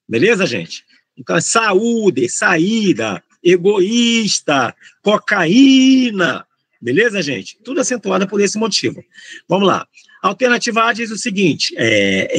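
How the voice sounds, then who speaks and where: Gravelly, lively Brazilian man teaching grammar. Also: high voice, no room sound. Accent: Brazilian Portuguese. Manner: slangy, lively, rambling, addresses students as gente. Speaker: Portuguese tutor for exam candidates. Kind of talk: informal grammar lesson.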